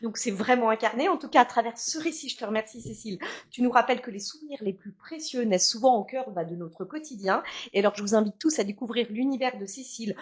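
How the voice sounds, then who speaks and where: A woman's voice: a little high, quick pace, slightly rough. A woman hosting a podcast, thanking her columnist in a casual chat. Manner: warm thanks, laughs while speaking. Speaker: podcast host.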